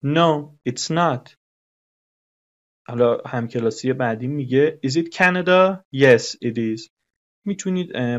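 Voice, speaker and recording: In a dull, lo-fi recording, a male English teacher works through a lesson at a middle pitch. He explains patiently and repeats phrases so they stick.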